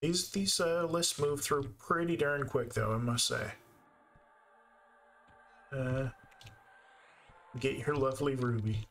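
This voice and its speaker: Chatty Canadian man with a bright voice. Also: mid-range voice, fairly even intonation, takes it slowly, pauses often, faint music behind. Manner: thinks aloud, chatty and easygoing. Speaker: game streamer. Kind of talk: live gameplay commentary.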